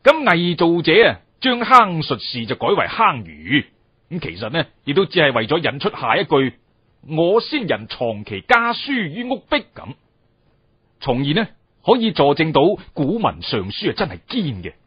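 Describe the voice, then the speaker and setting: A husky male pingshu storyteller with a Cantonese accent, pitched a little high and swinging widely in tone. He narrates history expressively, with drawn-out phrases and chatty asides. The recording is dry and somewhat dull, like lo-fi radio. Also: wildly swooping pitch, no room sound.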